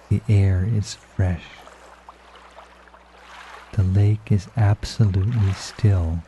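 Soft, very dark-voiced man guiding relaxation slowly. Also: lowish voice, slight background noise. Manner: soft, hushed, calm and unhurried delivery. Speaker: guided meditation narrator. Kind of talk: slow, soothing guided relaxation narration. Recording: dull, roomy, echoing sound.

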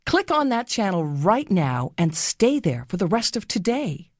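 Slow, expressive woman guiding a children's meditation. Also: medium pitch, no room sound, clean studio sound. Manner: slow, soothing, gently instructing. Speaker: guided relaxation narrator for children. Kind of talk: scripted guided meditation story.

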